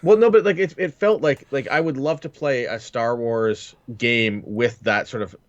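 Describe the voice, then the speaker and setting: A man co-hosting a podcast in casual chat, halting and repeating words as he talks. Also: medium pitch, fairly bright tone, dry recording, lo-fi sound. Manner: halting, repeats words while searching for them. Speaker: podcast co-host.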